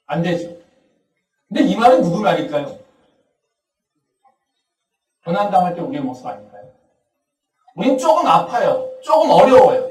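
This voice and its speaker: A high-pitched man preaches a sermon at a campus church. He acts out the voices he quotes and builds up to shouting. His voice is caught from a distance and rings through a roomy, echoing hall. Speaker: pastor.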